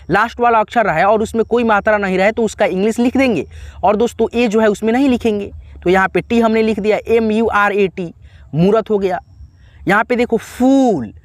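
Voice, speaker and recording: Man, high voice, dry close sound, patient spelling lesson. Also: dry recording. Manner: patient, repetitive teaching, frequent "theek hai". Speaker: English teacher.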